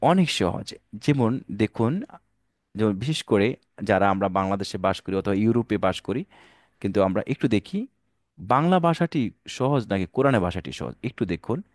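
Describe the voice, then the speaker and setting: Letters are called out for viewers to repeat as a man with a fairly low voice teaches Quran reading online. He greets his audience as dear brothers and sisters and works English words into his speech, recorded dry with clean studio sound.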